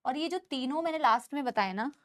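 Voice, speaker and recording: A woman's voice: high voice, lively intonation, fast. A woman with an Indian accent teaching a biology class, mixing Hindi and English and coaxing her students as beta. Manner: says she usually shouts in class. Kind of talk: online class lecture.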